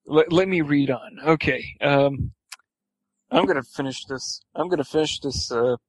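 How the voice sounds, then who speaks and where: A man's voice: fairly high pitch, normal speed, no room sound, low-quality recording. A man reading fan fiction aloud for laughs, stumbling over words and swearing at the text. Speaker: reader.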